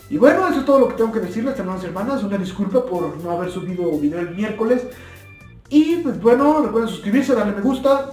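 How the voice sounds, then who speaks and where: This voice sits high and sounds warm: a young adult man hosting an informal, earnest YouTube explainer on two-way radios, often repeating and rewording what he means. He's seated at a table in a small, bare indoor space. Echo, a distant mic and faint music mark the recording.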